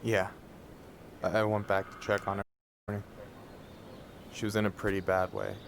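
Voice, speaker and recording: An actor playing a concerned, steady man looking after a friend in a dramatic video game. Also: on the low side, measured pace. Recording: clear outdoor background noise.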